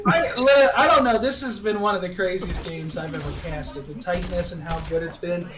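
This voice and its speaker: A man doing play-by-play esports commentary, excitable and laughing at his own slips of the tongue. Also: high-pitched, normal speed, crowd noise. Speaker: esports caster. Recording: distant mic with background noise.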